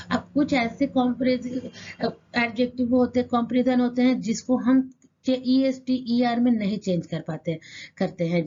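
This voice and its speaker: A woman teaching an English grammar lesson in Hindi. She reads rules out slowly, sounds out words syllable by syllable and keeps asking rhetorical questions. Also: mid-range voice, dark tone, muffled recording. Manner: repeats rhetorical questions to the class.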